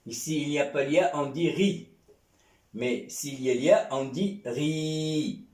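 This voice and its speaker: A man leads a classroom lesson in a very slow, deliberate way. He drills syllables over and over and keeps checking that his students follow. His voice sounds distant from the mic in a reverberant room. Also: a little high, warm tone. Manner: patient, repeats sounds, keeps checking with "hein?". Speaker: Arabic teacher. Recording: roomy echo, distant mic.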